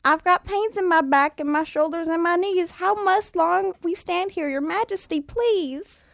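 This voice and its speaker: Woman reader voicing a small, aching turtle; high, thin, pleading and polite. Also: unhurried, gravelly, no echo, exaggerated voice. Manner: plaintive, pleading. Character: meek little male turtle in pain.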